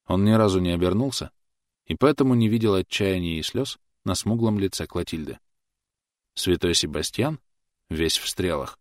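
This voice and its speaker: A man narrating an audiobook in a measured, even reading voice. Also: low voice, no room sound, studio quality. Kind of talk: scripted narration.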